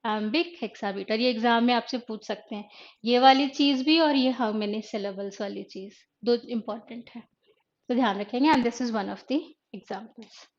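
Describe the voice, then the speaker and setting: A woman English teacher giving an online exam-prep lecture. She mixes Hindi and English and explains by asking questions and then answering them herself. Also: fairly high pitch. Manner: reads poetry slowly and deliberately. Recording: dull lo-fi online class audio.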